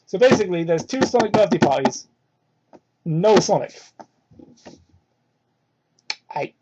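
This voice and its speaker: A woman reads fan fiction aloud as an amateur, dramatically, breaking off for irreverent, sweary, mocking asides. Her warm voice has lively intonation at a moderate pace, though her cheap microphone sounds muffled and low-quality, with slight background noise.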